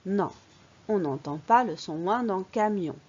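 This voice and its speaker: A woman teacher giving an early-reading phonics lesson, speaking slowly and clearly in a sing-song way and stressing the key words. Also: medium pitch, animated, darkish tone, muffled recording.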